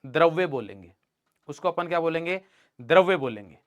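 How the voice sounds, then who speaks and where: In a dry recording, a young online chemistry teacher with a slightly high, animated voice talks briskly. He jokes around with his students, teasing them good-naturedly and addressing them as "beta."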